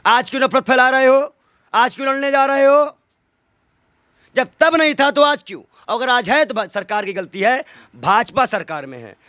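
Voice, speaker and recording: In an impassioned political interview, a man with a strikingly high, pushed, bright voice argues indignantly, stacking rhetorical questions and repeating key phrases for emphasis. He's animated at a normal speed, and the dry sound has almost no room echo.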